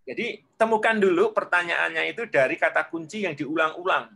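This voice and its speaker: A man, guest leadership coach, explaining at length and acting out examples, often sinking to a soft low voice. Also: fairly quick, gravelly. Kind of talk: explaining in an online talk.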